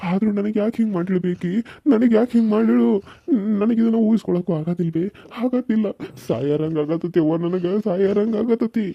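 A man's voice: on the high side, steady tone, fairly quick, lo-fi sound. A man voicing a heartbroken young village husband in a cartoon serial, speaking North Karnataka Kannada in an anguished, emotional way. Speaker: voice actor.

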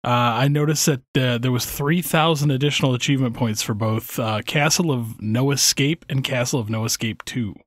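A man's voice: mid-range voice, moderate pace, hardly any pauses, dry recording. A man co-hosting a gaming podcast, talking in a laid-back, hesitant way. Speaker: podcast co-host. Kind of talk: casual podcast chat.

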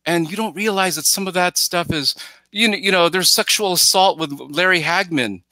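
The voice sits high with a sharp tone and a moderate pace, heard on a low-quality recording with no room sound. It belongs to a middle-aged podcast guest chatting casually and emphatically about movies, rambling into imagined quotes. He's using a headset on a video call in a plain room indoors.

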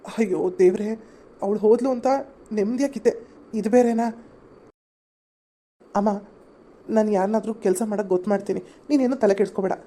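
Woman playing an exasperated cartoon elder son, mellow, placating. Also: mid-range voice, a little fast, pauses often, pitched below the performer's own voice, natural voice.

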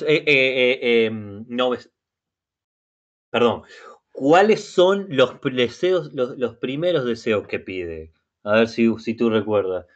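Give me a male teacher on a video call, mid-pitched voice, muffled sound, encouraging and repetitive. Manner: encouraging, repeats words often. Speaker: language facilitator. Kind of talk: reading a story and quizzing learners. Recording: muffled web meeting audio.

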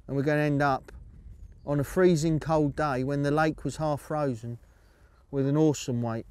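A middle-aged man calmly explaining his fishing method outdoors at a lakeside, speaking steadily into a lapel mic. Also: fairly high pitch, moderate pace, clean tone. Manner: calm, steady, explaining as he fishes. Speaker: angling coach.

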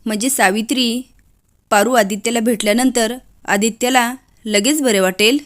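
A woman's voice: on the high side, fairly even intonation, normal speed, natural voice. Woman reading out a sly sarcastic older lady. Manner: sarcastic, teasing. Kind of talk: reading a serial recap aloud.

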